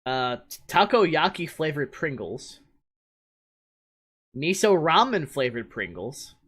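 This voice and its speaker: A man's voice: fairly high pitch, big pitch swings, slow pace, a bit bright, breathy edge. A man from New Jersey hosting a podcast, chatting casually and rambling through a list of snack flavors. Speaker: podcast host. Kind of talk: casual chat.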